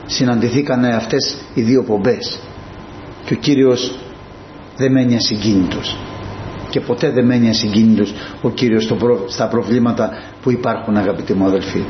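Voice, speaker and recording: A male preacher giving an impassioned sermon, moving between hushed asides and high, emphatic peaks, in a church. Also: fairly even intonation. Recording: dull, roomy and slightly noisy.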